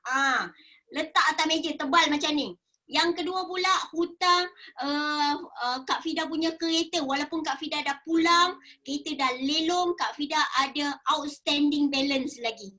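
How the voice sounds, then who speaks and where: A middle-aged woman with a Malaysian accent tells a story in a casual coaching talk. She is lively and acts out the voices of the people she quotes. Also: high voice, moderate pace. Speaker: network marketing speaker.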